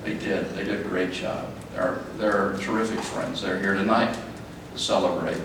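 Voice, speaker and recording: A middle-aged man giving a father-of-the-bride wedding speech in a halting way, repeating phrases and speaking in short sentences. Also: low voice, steady tone. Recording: echoey, noisy room, distant mic.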